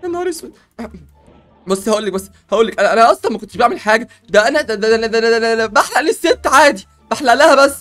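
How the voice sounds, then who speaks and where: A man with an Egyptian accent, playing a barber in a comedic game role-play, joking and stammering in quick repeats. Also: extremely high pitch, lively intonation, fairly bright tone, soft background music.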